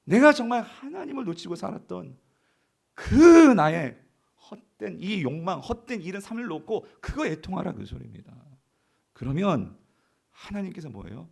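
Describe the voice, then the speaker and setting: A man's voice: high-pitched, very animated, brisk, creaky, breathy edge. A male pastor preaching a sermon, putting questions to the congregation as his voice rises and falls. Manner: calls out to the congregation with questions, voice swelling and dropping.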